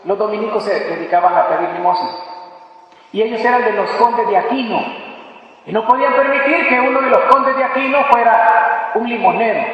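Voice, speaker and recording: A man's voice: high voice, fairly quick. A man preaching a sermon, telling stories with animation and acting out the voices of the people in them. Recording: echoey hall, distant mic, dull lo-fi.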